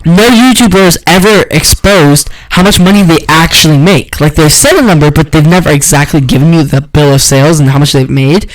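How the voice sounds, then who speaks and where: A man's voice: a little high, a little fast, few pauses, low-quality recording. Chatty young-sounding man rambling casually. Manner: rambling, filler-heavy, slangy. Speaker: podcast co-host. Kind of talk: casual chat.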